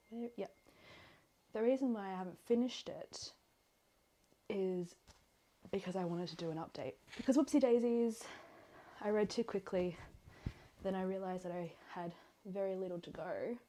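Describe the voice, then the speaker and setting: A woman's voice: medium pitch, warm tone. An Australian woman chatting casually in her bedroom about a book while tidying clothes, rambling with lots of fillers. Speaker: book vlogger. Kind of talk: casual chat.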